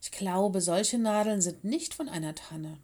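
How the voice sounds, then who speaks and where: A woman's voice: medium pitch, measured pace, a little mellow, lightly acted. A woman voicing a small, nimble young girl animal with claws in a storybook reading, cheerful and breezy. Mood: matter-of-fact.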